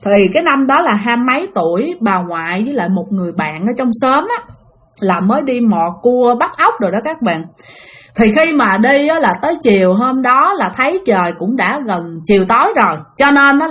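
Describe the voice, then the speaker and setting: A woman's voice: fairly high pitch, very animated, brisk, a bit bright. A young woman, chatting through ghost stories and talking straight to her listeners. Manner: chatty, addresses listeners directly. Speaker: storyteller.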